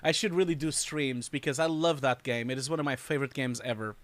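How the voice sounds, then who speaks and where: A man's voice: mid-range voice, fast talker. A man hosting a live stream, chatting casually and rambling, laughing often. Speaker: host reviewing showreels. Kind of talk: casual livestream chat.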